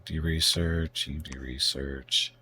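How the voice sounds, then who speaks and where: A man thinking aloud as he plays a strategy game on a live stream, halting and correcting himself as he goes. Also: extremely low pitch, fairly even intonation, pushed and bright, slight background noise. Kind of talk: casual gameplay commentary.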